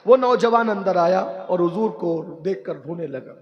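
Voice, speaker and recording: A man preacher telling a story in an emotional sermon, with rhythmic, repetitive phrasing, addressing the crowd. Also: sits high. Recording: dull lo-fi live recording.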